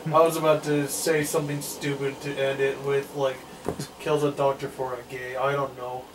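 A man's voice: medium pitch, little pitch movement, normal speed, noisy background. An exhausted young man joking crudely and swearing as a co-player in a casual game playthrough. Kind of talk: casual gameplay banter. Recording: distant mic. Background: loud game music.

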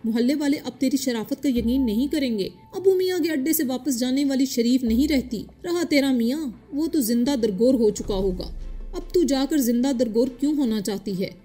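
A woman's voice: high-pitched, normal speed, dark tone, soft background music. A woman voicing a cruel, mocking male local gangster who sneers and threatens, in a story reading. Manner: sneering, menacing.

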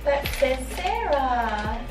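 Slow-talking high-voiced vlogger mum. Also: female voice, sing-song, roomy sound, over music. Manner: gushing and emotional, repeats exclamations. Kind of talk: casual vlog chat. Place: family home.

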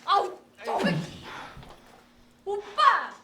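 A woman's voice: extremely high pitch, wildly swooping pitch, extremely slow, heavily acted. An actress playing a jealous, hot-tempered young woman in a romantic comedy film, brash, coarse and scolding. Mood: furious. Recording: echoey film scene with faint background noise.

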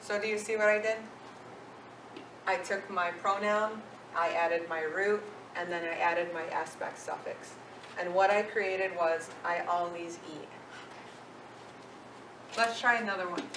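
A woman's voice: mid-range voice, steady tone, unhurried, background noise. A woman teaching a language lesson, patient and checking in with her learners. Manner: patient, asks questions and checks in with "okay?". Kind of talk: classroom-style language lesson. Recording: roomy, echoey sound from a distant mic.

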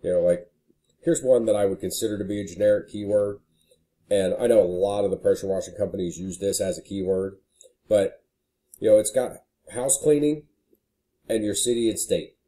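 Male consultant, deep mellow voice, easygoing screen-share walkthrough. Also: normal speed. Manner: casual and conversational, frequent "you know". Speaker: marketing consultant.

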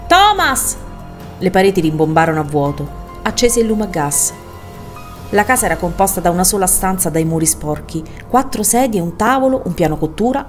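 A woman narrating a literary audiobook in a measured, expressive reading. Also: fairly low pitch. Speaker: audiobook reader.

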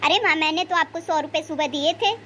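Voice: sits high, brisk, pushed and bright, a little hiss or hum. A performer voicing an exasperated grown son in a cartoon, scolding his mother. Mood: impatient. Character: harried grown son, impatient. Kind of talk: cartoon voice acting.

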